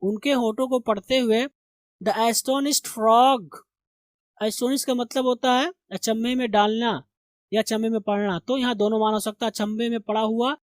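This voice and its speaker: Guy teaching english, slow read-aloud then quick explaining, keeps saying theek hai, dry close sound. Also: very high-pitched, fairly even intonation, dry recording. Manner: reads English slowly, then explains briskly in Urdu; repeats "theek hai" as a check-in. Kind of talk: line-by-line translation lesson.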